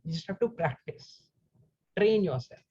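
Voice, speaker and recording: A man's voice: on the high side, animated, moderate pace, a little mellow, husky, dull audio. A man speaking as a coach in a live Q&A, telling a personal story earnestly and emotionally to his audience.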